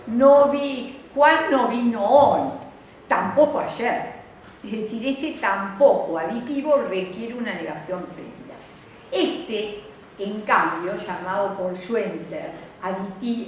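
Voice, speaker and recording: An older Argentine woman delivers a conference lecture in a slow, measured way, pausing often to think. Her voice sits a little high for a woman. It is heard in a very echoey hall with a faint hiss of background noise. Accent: Argentine Spanish. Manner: slow, deliberate, frequent hesitations. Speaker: linguistics lecturer.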